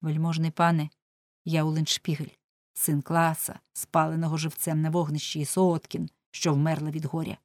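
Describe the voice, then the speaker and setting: A bold young jester voiced by a woman reading a storybook warns of doom with urgent, pleading insistence and a mocking edge. The voice is low for a woman and close, with no room around it. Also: level tone, normal speed, darkish tone, no room sound. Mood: urging.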